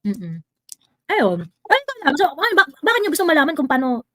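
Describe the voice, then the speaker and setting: A woman's voice: high voice, wildly swooping pitch, moderate pace, sharp tone, no room sound. A woman hosting a livestream, confronting a commenter with sarcastic, heated commentary and switching between Tagalog and English. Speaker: livestream vlogger host.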